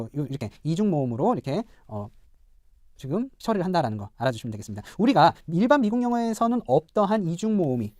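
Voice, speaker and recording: A middle-aged man, a professor, giving a recorded pronunciation lecture, explaining step by step, repeating example words slowly and asking checking questions. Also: on the high side, darkish tone, no room sound, studio quality. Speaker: professor teaching English pronunciation.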